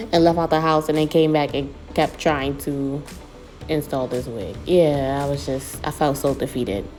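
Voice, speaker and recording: A woman in her thirties talking casually through a wig review, chatty and self-deprecating. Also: low-pitched. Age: 30s. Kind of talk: casual product review vlog.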